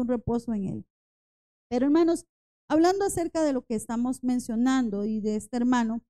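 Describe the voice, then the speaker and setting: A woman in her forties leads a sermon-style Bible study in a church, earnest but tired, frequently turning to the congregation with asides and repeating "hermanos" and "¿verdad?". Her voice sits high with a dark tone.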